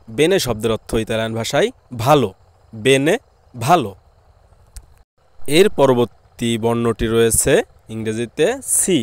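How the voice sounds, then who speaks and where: A man with a Bangladeshi Bengali accent gives a language lesson at a steady middle pitch. He goes slowly, saying each word and then its meaning again and again. The sound is dry and close. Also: no room sound. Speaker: language teacher.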